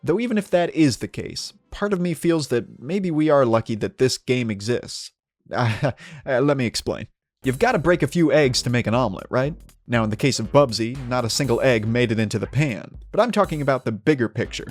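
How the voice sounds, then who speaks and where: A young man narrating a video game review in a dry, sarcastic tone, his voice sitting at an everyday middle pitch. Faint music runs under his steady scripted delivery. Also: brisk, no room sound. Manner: sarcastic, wry.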